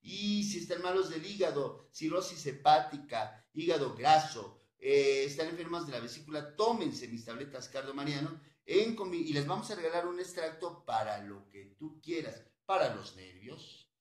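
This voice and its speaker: A man with a Mexican accent, a naturopathic doctor hosting a health program, pitching his remedies emphatically and repeating himself as he speaks straight to his listeners. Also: animated, moderate pace, few pauses, echoey room. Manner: emphatic and repetitive, addressing listeners directly. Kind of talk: broadcast product pitch.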